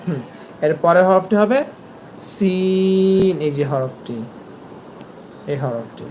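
A Quran teacher giving an online lesson, patiently explaining where each letter is pronounced and repeating the sounds slowly, over a video call. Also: mid-range voice, lively intonation, darkish tone, a little hiss or hum.

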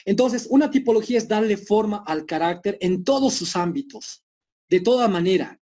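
Husky Bolivian man lecturing firmly. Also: high voice, animated, mellow. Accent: Bolivian Spanish. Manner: firm, lecturing, acts out quick dialogues. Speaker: teacher. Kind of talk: online class lecture. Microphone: video call.

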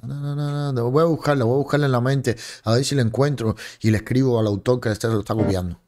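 A man's voice: medium pitch, fairly even intonation, fast talker, darkish tone. A young Cuban man with a Cuban accent, mocking and scolding as he streams commentary from a home room into a large studio microphone. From Cuba. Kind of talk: livestream commentary. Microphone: large studio mic on a boom in front of face.

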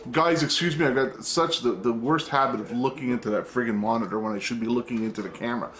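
A middle-aged vlog host chats loosely to camera at home, rambling, interrupting himself, and letting the odd curse word slip. He talks fast in a mid-range, slightly bright voice.

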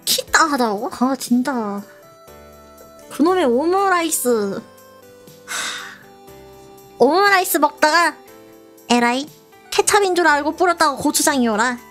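Playful woman game streamer, high voice, kinda slow chatty delivery. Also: animated, a bit bright, faint music behind. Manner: playful, giggly. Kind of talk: casual gameplay chat.

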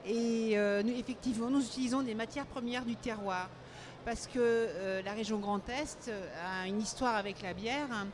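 A middle-aged woman who founded a brewery explains her ingredients, pausing often as she goes. Her voice sits slightly high, and the fair's noise is clearly audible behind her handheld mic. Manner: explanatory, hesitant with fillers. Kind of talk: casual interview at a trade fair. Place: trade fair stage, indoors.

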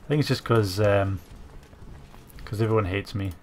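A gaming channel host with a stuffy cold muses aloud through strategy game commentary, dropping lots of fillers as keyboard typing clicks in the background. His voice sits on the low side with a darkish tone and a moderate pace, and there's a little hiss or hum.

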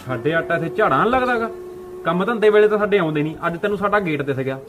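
A man's voice: sits high, expressive, very fast, over music. A man with a Punjabi accent acting as a harsh, stingy farmer and father who scolds a poor man in a short film. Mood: scornful. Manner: scornful, scolding.

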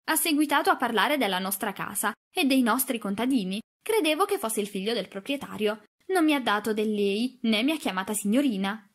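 A woman reading an audiobook, voicing a spoiled, imperious young girl who talks high and insistent. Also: animated, brisk, hardly any pauses, fairly bright tone.

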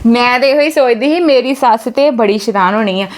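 A woman's voice: fairly high pitch, fairly quick, slight background noise. Chatty young woman in family skit. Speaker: daughter-in-law in a skit.

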